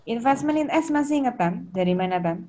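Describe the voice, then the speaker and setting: This Indonesian woman teaches accounting online with a fairly high, mellow voice, lively intonation and a fairly quick pace. She quizzes students by name, prompts them and repeats the main points, all on muffled lo-fi audio with background noise.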